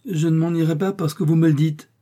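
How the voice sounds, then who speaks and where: A man's voice: mid-range voice, fairly quick, mellow, breathy edge, voice pushed up, lightly acted. A man voicing a bold, stubborn young female cook who talks back, in an audiobook reading. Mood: pert. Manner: pert and insistent.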